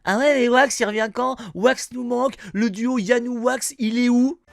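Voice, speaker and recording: A man voicing a back-and-forth between excited male fans, loud and high-pitched in a playful exchange. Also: moderate pace, creaky.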